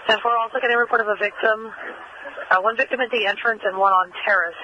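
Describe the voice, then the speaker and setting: Male radio responder, brief procedural police radio reports, high pitch, dull noisy sound. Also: steady tone, fast. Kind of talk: emergency police radio transmission.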